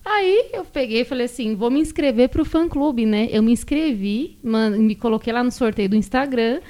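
A woman's voice: fairly high pitch, expressive, normal speed, warm tone. A woman telling a story in casual chat, acting out the quoted voices.

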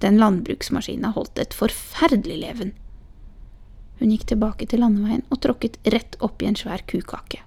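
A woman reading a story aloud in a calm, measured storybook narration. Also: medium pitch, gravelly, husky. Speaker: audiobook reader.

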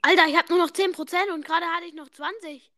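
A young woman co-hosting a casual podcast while gaming, excitable and shrieking at the game. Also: very high voice, fast, dry recording. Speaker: podcast co-host.

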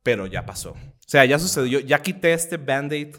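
A man's voice: on the high side, normal speed. A young Costa Rican man, a comedian, telling personal stories animatedly in an interview, acting out quotes and laughing often. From Costa Rica. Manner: lively, acts out quotes with voices, laughs a lot. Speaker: guest comedian.

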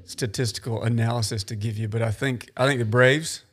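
A man's voice: mid-range voice, steady tone, brisk, slightly rough. A man in casual podcast chat who talks hesitantly, restarting and repeating words as he thinks. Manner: hesitant, repeats his words while searching for them.

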